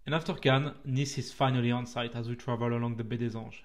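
A man with a French accent, a native French speaker, narrating his own train trip report in a relaxed, chatty way that turns a little halting at times. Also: mid-range voice, very noisy. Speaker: railway vlogger.

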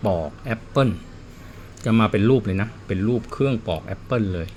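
A man fixing watches chats and tells stories in a plain, casual manner, explaining as he works. His voice is on the low side, fairly quick, and darkish in tone, with slight background noise.

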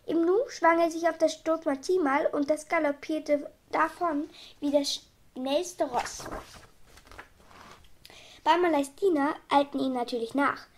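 A woman reading a children's storybook aloud in a lively, expressive way. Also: sits high, measured pace. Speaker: audiobook reader.

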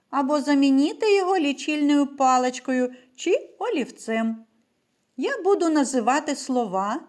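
A woman teaching a literacy lesson to small children in a high, bright-pitched voice that rises and falls a lot. She speaks slowly and draws out each word syllable by syllable so the children can say it with her. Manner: slow, carefully stressed words for children to repeat. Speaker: primary school teacher.

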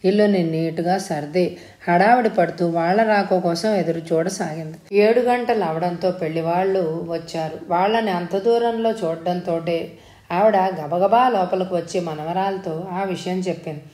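A woman narrating a story in a steady, even storytelling manner as an audiobook reader. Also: fairly low pitch, normal speed. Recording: roomy echo.

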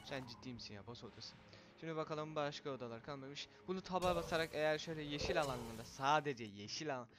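Excitable man commentating gameplay. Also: fairly high pitch, quick pace. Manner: excitable, swears and shouts when frustrated. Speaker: gaming video host.

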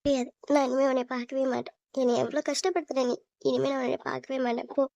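Actress for a hurt young cartoon heroine, fast and high, a dry close sound. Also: female voice, flat delivery, warm tone, dry recording, lo-fi sound. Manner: plaintive, sulky and hurt. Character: young woman, lovesick and tearful. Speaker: voice actor. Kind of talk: cartoon voice acting.

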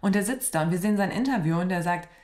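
A woman's voice: fairly low pitch, fast, darkish tone. A young woman reacting to a reality show from a small studio, chatty and blunt with sarcastic slang. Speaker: reaction streamer. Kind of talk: casual reaction commentary. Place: small decorated studio room. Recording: roomy echo.

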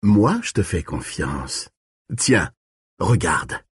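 A man voicing a suave, cruel male vampire who speaks softly, charmingly and mockingly. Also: sits low, sing-song, breathy edge, dry recording, studio quality, exaggerated voice. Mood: false kindness. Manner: soft, charming, mocking, slow.

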